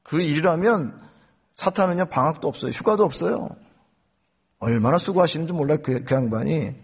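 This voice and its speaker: An impassioned male pastor preaching a sermon in a high voice. His delivery swings widely in pitch, and he keeps turning to speak straight to the congregation. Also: animated, fairly quick, slightly rough. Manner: impassioned, addresses congregation directly.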